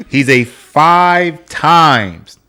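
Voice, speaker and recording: A man co-hosting a podcast, animated and hyping up his guest in casual chat. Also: fairly high pitch. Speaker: podcast co-host.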